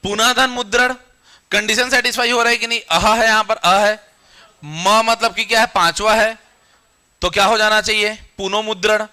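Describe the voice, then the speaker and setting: A young adult man teaching a grammar lesson to a classroom, quizzing the students with questions and answering them himself, and slowing down to dictate the rules. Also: high voice, steady tone, sharp tone, clear, resonant tone.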